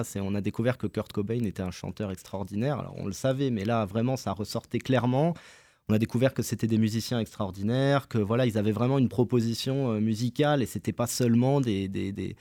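A man's voice: lowish voice, mellow, no echo. Hesitant man, dry studio sound. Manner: hesitant, many fillers, explanatory. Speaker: guest, cultural center organizer. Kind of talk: casual radio interview.

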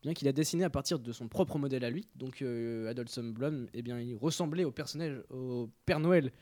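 A man's voice: mid-range voice, a little fast, mellow, dry recording. A young man presenting a radio column in casual talk, hesitant and full of fillers.

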